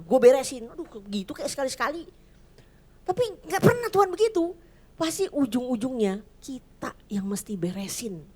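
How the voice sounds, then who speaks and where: Woman pastor preaching in church, kinda high voice, chatty and animated. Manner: lively, conversational, acts out voices. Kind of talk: sermon.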